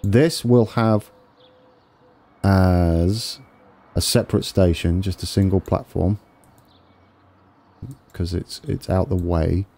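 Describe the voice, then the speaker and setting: A man's voice: low-pitched, steady tone, slow pace, vocal fry, long pauses, mellow. A man with a wheezy, congested voice giving casual commentary on a game build, tentatively thinking aloud as he goes. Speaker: gaming video host.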